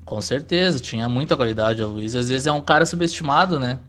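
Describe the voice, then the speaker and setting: A man with a gaúcho accent talking casually about sport in a relaxed conversation. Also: mid-range voice, fast talker. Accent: southern Brazilian, gaúcho. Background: music under the talk.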